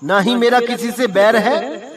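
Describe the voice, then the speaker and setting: A man giving a devotional sermon as a spiritual teacher. He chants verses slowly and then explains them, calling his listeners brother. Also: extremely high pitch, fairly even intonation, recorded from a distance.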